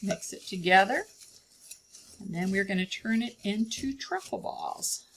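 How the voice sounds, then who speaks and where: A woman's voice: mid-range voice, lively intonation, measured pace, fairly bright tone, a little hiss or hum, poor audio. A middle-aged woman, an extension educator, walks through a cooking demonstration step by step in a kitchen. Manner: plain step-by-step instruction. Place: home-style kitchen.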